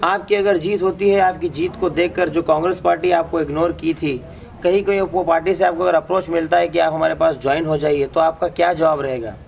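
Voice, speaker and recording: Gravelly man asking halting questions. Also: on the high side, steady tone, darkish tone. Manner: halting, searching for words while asking. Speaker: local reporter. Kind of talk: interview questions.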